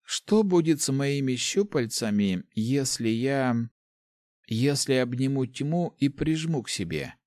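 A man's voice: mid-range voice, expressive, slow pace, a little mellow, dry recording, studio quality, pitched above the performer's own voice. A man voicing an earnest young woman student who asks hesitant, pleading questions, in an audiobook.

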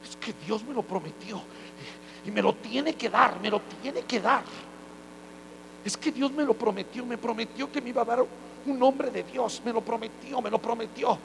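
A man's voice: extremely high pitch, normal speed, gravelly. A man playing a whiny churchgoing woman who pleads for a promised husband, repeating herself. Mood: pleading. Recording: hall reverb with faint hum.

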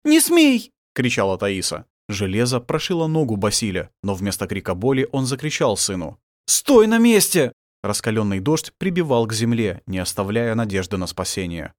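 A man narrating an audiobook in a dramatic, expressive reading. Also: lowish voice, brisk, hardly any pauses, no echo, studio quality. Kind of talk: scripted narration.

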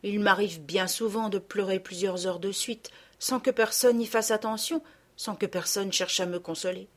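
A woman's voice: medium pitch, steady tone, moderate pace, lightly acted. A woman voicing a sad, mistreated little girl in a storybook reading, speaking plaintively. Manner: plaintive, sighing.

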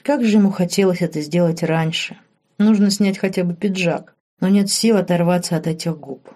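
A woman narrates a fantasy novel audiobook in a steady, measured storytelling manner. Her voice sits low and sounds warm and mellow. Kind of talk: scripted narration.

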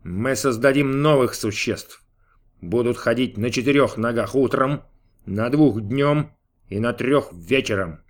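A man's voice: medium pitch, a little slow, lightly acted. A man reading an audiobook, voicing a grumpy, capricious male God who snaps, grumbles and mocks. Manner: snapping, grumbling, mocking. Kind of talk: audiobook character voice.

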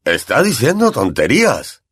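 A flustered, pompous official as a male reader puts him on, blustering and huffy. His delivery swings widely up and down with a husky edge, close and dry. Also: medium pitch, wildly swooping pitch, a little slow, a bit bright, no echo, exaggerated voice. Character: flustered, pompous middle-aged male minister.

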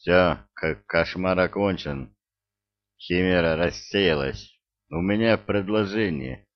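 A man reading the part of a composed mature detective who speaks calmly and firmly. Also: sits low, slow pace, muffled recording. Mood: firm reassuring. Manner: calm, firm, reassuring.

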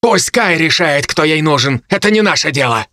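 A man doing a brash, loud gang brute. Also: fairly high pitch, animated, moderate pace, no echo. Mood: threatening. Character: burly gang leader, brash hard-drinking man.

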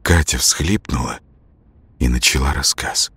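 A man narrating a horror audiobook in a measured, steady way. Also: rumbling low, husky, no echo. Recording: music bed behind voice.

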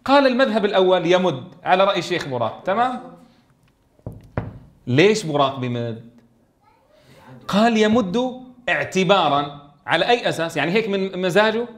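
A man's voice: sits high, big pitch swings, a little fast, long pauses. A man teaching a tajweed lesson in a classroom, keeps asking his students questions and answering them himself. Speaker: Quran recitation teacher.

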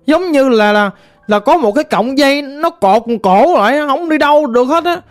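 A woman voicing the vengeful ghost of a murdered teenage girl, pleading slowly in a Southern Vietnamese accent. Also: high-pitched, lively intonation, soft background music, voice pushed up. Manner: pleading, slow and plaintive.

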